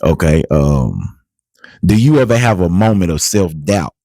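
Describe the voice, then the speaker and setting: A man's voice: sits low, sing-song, unhurried, vocal fry, warm tone, dry recording. A man who hosts the interview, encouraging his guest and adding motivational asides. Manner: encouraging, many affirming murmurs, motivational asides. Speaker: interview host. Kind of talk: casual interview hosting.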